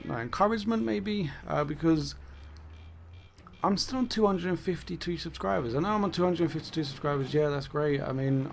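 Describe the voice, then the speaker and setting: On the high side and creaky, this man's voice carries a little hiss or hum as he chats casually as a gaming YouTuber. He rambles, catches and corrects himself, and laughs off his swearing in a commentary monologue. His voice is fading and worn; he's losing it.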